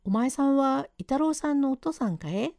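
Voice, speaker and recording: A woman voicing a gentle, formal and quiet-spoken gentleman in a rakugo storytelling reading. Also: sits high, animated, normal speed, no room sound, clean studio sound. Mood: courteous. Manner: formal, polite, quiet-voiced. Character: gentle, soft-spoken gentleman, courteous and modest.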